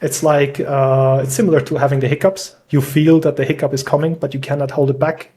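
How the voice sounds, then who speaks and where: This podcast guest is a young man from Switzerland, chatting over a video call in a laid-back interview, full of laughter and self-deprecating remarks. His voice is on the high side and a little mellow, steady in tone and a bit fast.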